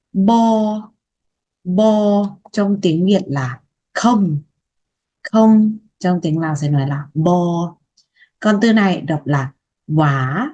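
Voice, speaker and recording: A woman with a Vietnamese accent teaching a language lesson, repeating each word slowly and carefully. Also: fairly low pitch, a little mellow.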